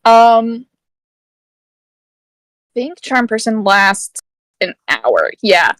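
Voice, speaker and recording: A woman's voice: a little high, big pitch swings, drawn-out words, fairly bright tone, dry recording. A woman playing a tabletop game, reading spell rules and talking hesitantly with fillers. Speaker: player.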